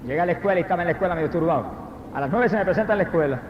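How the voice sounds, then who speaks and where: Man, preacher, impassioned testimony sermon, high voice, dull live recording, faint noise behind. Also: racing, reverberant, long reverb tail. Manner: builds from storytelling to fervent shouted praise. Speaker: preacher giving his testimony. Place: church service hall.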